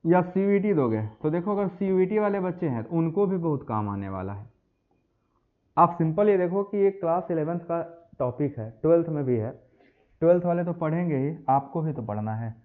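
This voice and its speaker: Animated chemistry teacher, tinny sound. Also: male voice, on the high side, normal speed. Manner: lively, addresses students as beta and bachche; mixes English phrases into explanation. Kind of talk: classroom lecture. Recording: tinny phone-like audio.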